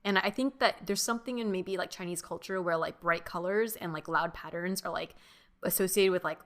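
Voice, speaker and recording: A woman's voice: on the low side, brisk, a bit bright. A young woman co-hosting a podcast, reflectively recounting childhood memories in casual talk with many fillers. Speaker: podcast co-host. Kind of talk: casual chat.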